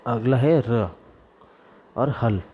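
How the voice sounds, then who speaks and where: Slow male teacher drawing out sanskrit sounds in a lesson, kinda muffled recording. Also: mid-range voice, slight background noise. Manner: slow, deliberate, drawn-out recitation of grammar formulas. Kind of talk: classroom lesson. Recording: dull lo-fi recording.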